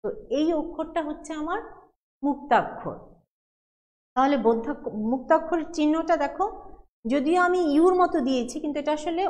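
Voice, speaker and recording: A woman's voice: high voice, moderate pace, a little mellow. A middle-aged woman college teacher giving a patient classroom lecture, explaining step by step and asking questions she then answers. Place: classroom with a board. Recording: long hall reverb.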